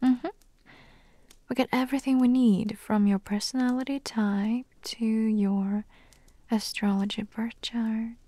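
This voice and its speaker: A woman voicing a playful, teasing witch matchmaker in an ASMR roleplay, whispering softly and giggling. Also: a little high, fairly even intonation, measured pace, no room sound.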